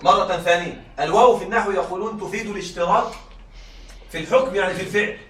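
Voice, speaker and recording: A man lecturing to a classroom, often repeating himself and asking if the students are with him. His voice sits high and sounds bright. He was recorded from a distance in a room with a strong echo. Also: racing. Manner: repeats points and checks students follow. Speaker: teacher of Arabic rhetoric. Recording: echoey room, mic far off.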